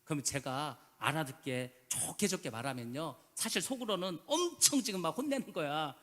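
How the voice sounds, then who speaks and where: Male pastor, high bright voice, rapid emphatic sermon, echoing church hall. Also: expressive. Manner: emphatic, rhetorical questions, casual speech endings. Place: church sanctuary.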